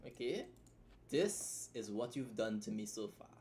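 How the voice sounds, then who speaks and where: A man's voice: fairly low pitch, sing-song, a little slow, warm tone, slight background noise. A man live-streaming a critique of someone's story, talking bluntly with lots of swearing, rambling and restarting his sentences.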